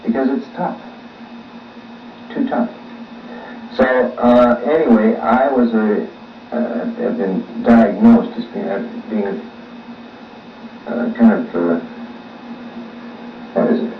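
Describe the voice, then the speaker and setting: A man, a musician, answering interview questions with many pauses and fillers, heard on old worn tape. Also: medium pitch. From Canada. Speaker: musician guest. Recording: echoey, distant, dull old tape with faint hiss.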